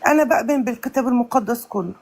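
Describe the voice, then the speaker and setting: A woman caller with an Egyptian accent, talking loudly and defiantly back at a debate host. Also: fairly high pitch, racing, slight background noise. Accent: Egyptian Arabic. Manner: loud and defiant.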